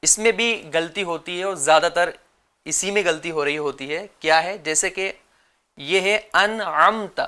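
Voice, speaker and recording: A man teaching children Quran recitation, chanting verses slowly and patiently asking them to repeat. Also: high voice, pushed and bright, clear, resonant tone. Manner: patient, drawn-out recitation with call-and-repeat questions.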